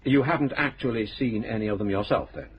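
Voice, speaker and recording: An actor playing a dry, patient police inspector in a radio drama, wry and polite. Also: male voice, on the low side, quick pace, natural voice. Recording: dull old radio broadcast with faint hiss.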